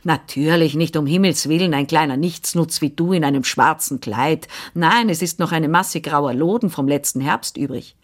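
A woman's voice: low-pitched, normal speed, few pauses. A woman reading an audiobook and voicing a fussy, kindly old seamstress who chatters, scolds and soothes. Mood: scolding.

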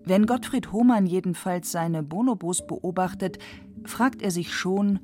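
Woman, documentary narrator, scripted delivery, mellow tone, slightly low pitch. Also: a little slow, soft background music.

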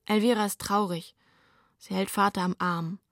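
A woman's voice: mid-range voice, fairly even intonation, moderate pace, vocal fry, no echo, studio quality, close to an everyday voice. A woman narrating as a troubled young boy in a scripted radio drama, telling it plainly and matter-of-factly. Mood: quiet.

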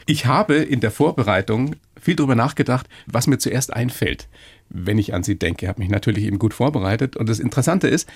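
A man hosting a podcast interview, playful and quick to laugh. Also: medium pitch, animated, breathy edge, dry recording. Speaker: podcast host.

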